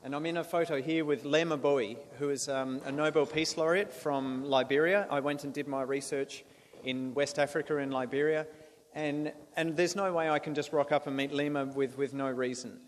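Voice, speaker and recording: Australian male speaker, earnest and halting, slightly raised pitch, recorded in a reverberant hall. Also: steady tone. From South Australia. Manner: earnest, with frequent restarts and fillers. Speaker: guest speaker. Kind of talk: presentation to a club. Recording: echoey hall with faint noise.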